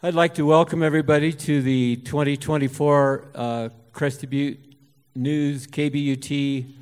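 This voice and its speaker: A man runs a candidates forum from the stage, talking in a folksy, halting way. He often stops and restarts his sentences. His voice rings out with a long hall reverb. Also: on the high side, steady tone, a little mellow, clear, resonant tone. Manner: folksy, halting with many fillers. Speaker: forum moderator. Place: auditorium hall.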